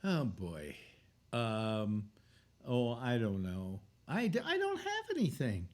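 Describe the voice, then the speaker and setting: A man's voice: mid-range voice, wildly swooping pitch, slow pace, a little mellow. A man in his eighties hosting a casual chat show, rambling and wry, often restarting his sentences. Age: 80s. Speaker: host.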